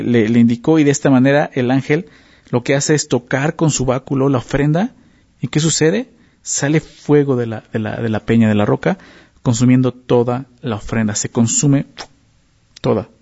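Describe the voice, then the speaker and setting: Gravelly-voiced man preaching a sermon. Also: medium pitch, a little mellow. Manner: conversational teaching with frequent tag questions; repeats words while searching for phrasing. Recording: dull lo-fi sound.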